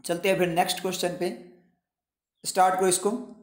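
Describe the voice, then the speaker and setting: A man with a high voice leads an English exam lesson in Hindi mixed with English. He works through each option step by step and keeps asking his students rhetorical questions. The sound has the hollow echo of a bare room. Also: level tone, fairly quick. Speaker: English teacher.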